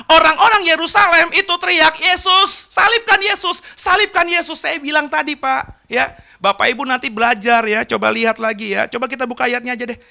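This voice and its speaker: A man preaching a sermon as pastor, emphatic, dropping to quiet asides and rising to loud acted crowd cries. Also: very high voice, vocal fry.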